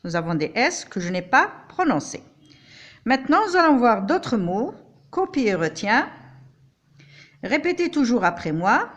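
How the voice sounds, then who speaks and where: An older woman teaching a language lesson, speaking slowly and deliberately, sounding out each syllable for listeners to repeat. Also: on the high side, sing-song. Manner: slow, deliberate, spells out each sound for repetition. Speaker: French teacher.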